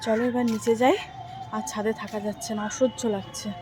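A middle-aged woman vlogger chatting casually and softly about her day at home. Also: a little high, steady tone, brisk, over music. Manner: chatty, homely, soft-spoken. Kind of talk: casual vlog chat.

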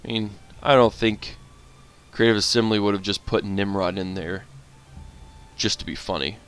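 A man's voice: fairly low pitch, steady tone, moderate pace, fairly bright tone, clean tone. Grumbling man narrating his strategy game. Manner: grumbling, talks to his units and the enemy. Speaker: gaming channel host. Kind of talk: casual strategy game commentary.

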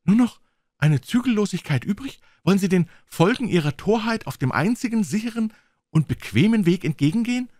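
A man voicing a bitter, desperate young man who breaks into high, overwrought outbursts. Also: expressive, a little fast, a little mellow, no echo. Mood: frantic.

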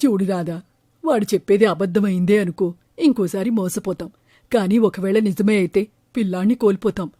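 Brief: woman playing a troubled cowherd dad, low mellow voice, dry close sound, earnest storybook father. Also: normal speed, dry recording, close to an everyday voice. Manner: earnest, worried. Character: worried caring village father, cowherd.

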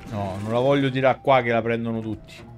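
With a medium-pitched, fairly even voice and a slightly fast delivery, this thirty-something streamer speaks with a central Italian, Roman accent. He offers casual, colloquial gameplay commentary live through a headset microphone at his indoor gaming setup while game music plays.

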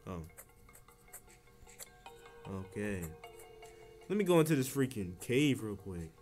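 Male gamer, casual play-along commentary, lowish pitch, clear music in the background. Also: sing-song, normal speed, a little mellow. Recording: game music behind the voice.

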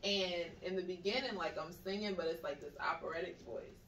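A woman's voice: on the low side, brisk, fairly bright tone. A woman co-hosting a casual podcast, telling a long story with lots of "like" and acting out the quoted voices. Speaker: podcast co-host. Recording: echoey room, mic at a distance.

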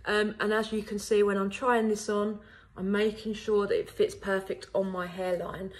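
A wig salon owner in her thirties films a casual how-to video on her phone at arm's length inside her salon. Her medium-pitched voice stays fairly flat at a normal speed, and she's chatty and upbeat, saying "um" often.

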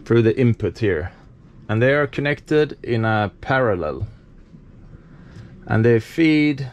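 Man from sweden, 30s, easygoing sailing vlogger, thinks aloud with fillers, faint background hiss. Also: medium pitch. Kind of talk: casual explanatory vlog. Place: cramped engine compartment on a boat.

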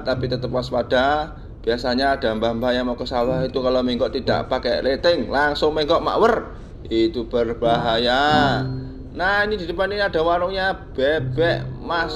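A man riding a motorbike through village roads, giving jokey running commentary to his viewers. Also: mid-range voice. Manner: chatty, jokey, addresses viewers as "Lur". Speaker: motovlogger. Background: background music.

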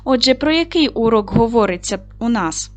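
A woman teacher giving a reading lesson to young children, with a clear, encouraging manner that leads them through questions. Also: a little high, expressive, normal speed. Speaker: primary school teacher.

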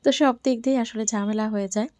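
A hoarse woman from Bangladesh in her thirties narrates her home vlog in a quiet, soft voice. Her tone is warm and mellow. The sound is close and dry, with no room around it. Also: a little high, fairly even intonation, quick pace, no echo. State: hoarse from a cold. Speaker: vlogger. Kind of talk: casual voice-over narration.

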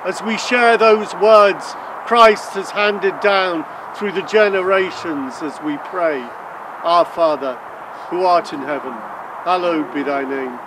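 A middle-aged man, a priest, speaking a solemn, measured graveside prayer in formal liturgical phrasing. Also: high-pitched, distant mic. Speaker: priest leading a burial service. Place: outdoors at a cemetery graveside. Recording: outdoor recording with background noise.

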